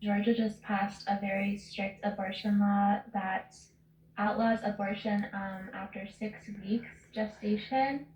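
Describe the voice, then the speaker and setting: Flat-voiced eighteen-year-old woman. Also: mid-range voice, a little slow, slight background noise. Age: young adult. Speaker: college freshman. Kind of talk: news interview statement. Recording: dull, roomy audio.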